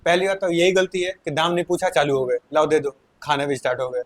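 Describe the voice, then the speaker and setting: Casual male storyteller, animated, slightly high-pitched, laughs through his telling. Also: fast, dry recording. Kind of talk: casual anecdote.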